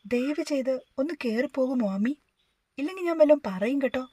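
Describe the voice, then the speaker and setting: A woman reading the part of an angry, short-tempered man who scolds quickly in a storybook reading. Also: on the high side, sing-song, breathy edge, dry recording. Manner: shouting, scolding fast.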